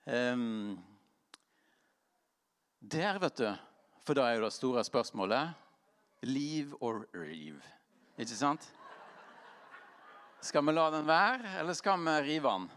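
A man's voice: mid-range voice, animated, pauses often, fairly bright tone. A man speaking to a live audience in an informal sermon-style talk, rambling and self-deprecating, laughing often, with many fillers and restarts.

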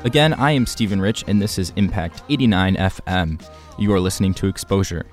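A young man from Michigan hosting a campus radio interview, asking earnest, measured questions. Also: deep voice, soft background music. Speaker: radio show host.

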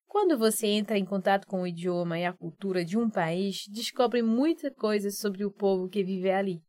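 A woman's voice: medium pitch, normal speed, dark tone, no echo, clean studio sound. A woman with a Brazilian Portuguese accent, co-hosting a casual educational podcast and explaining phrases with examples. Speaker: podcast co-host.

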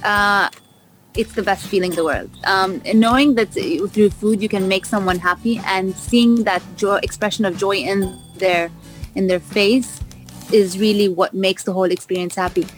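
A woman's voice: mid-range voice, fairly even intonation, moderate pace, faint music behind. Enthusiastic woman author on radio. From raised in Vancouver, Canada. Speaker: cookbook author, interview guest. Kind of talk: radio interview answers.

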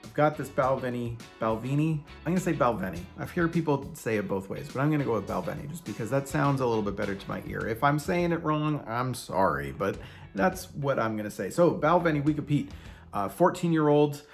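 A man's voice: medium pitch, very animated, a little fast, creaky, soft background music. A man hosting a casual whisky tasting vlog, chatting loosely with fillers and restarts. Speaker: whisky reviewer host.

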